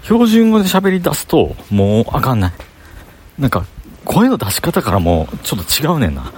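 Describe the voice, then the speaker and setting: A man's voice: mid-range voice, huge pitch swings, normal speed, darkish tone, slightly rough. A man with a Banshu Kansai accent, rambling casually to himself as he walks outdoors through city streets. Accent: Kansai, Banshu (Himeji) dialect. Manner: chatty self-talk, thinking aloud. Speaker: vlogger talking to camera. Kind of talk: casual rambling monologue while walking.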